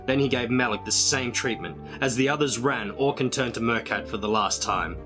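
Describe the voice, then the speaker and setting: A man reading a storybook aloud in a dramatic, measured way. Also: mid-range voice, over music. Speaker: storybook reader.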